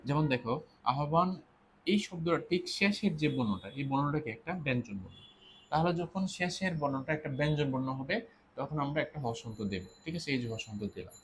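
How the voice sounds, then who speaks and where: A man's voice: fairly high pitch, expressive, brisk, a little hiss or hum. A man teaching an exam-prep lesson, explaining step by step, repeating key points and answering his own questions.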